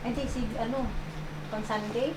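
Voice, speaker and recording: A woman's voice: fairly high pitch, fairly even intonation, normal speed. A woman in a church congregation, calling out short replies to the pastor. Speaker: congregation member. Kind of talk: call-and-response replies. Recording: roomy, distant mic, crowd noise.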